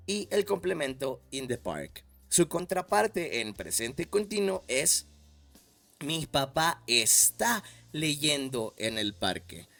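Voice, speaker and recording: Slow, lively male teacher. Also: a little high, no echo. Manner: patient, encouraging, checks in with "¿ok?". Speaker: English teacher. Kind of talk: slow explanatory lesson for Spanish speakers. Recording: dry voice with faint background music.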